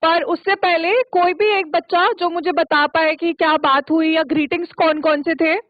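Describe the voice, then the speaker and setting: High-voiced woman teacher on a tinny line. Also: steady tone, normal speed, no room sound. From Uttarakhand, India. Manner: patient, checks often with "okay?". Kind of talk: online spoken English class for children. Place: studio for a virtual classroom. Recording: tinny, dry, phone-like line.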